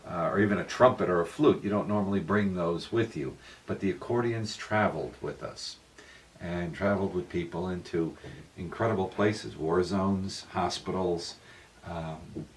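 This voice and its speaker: A man, a museum director, telling a story in a relaxed, halting way with fillers. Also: low-pitched, far from the mic, a little hiss or hum. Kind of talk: casual storytelling.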